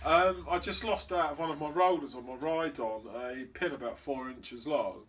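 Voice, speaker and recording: Male vlogger, jokey casual patter, bright tone, light background hiss. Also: on the high side, moderate pace. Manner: joking, swears, calls viewers "tubers". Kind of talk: casual chat to camera.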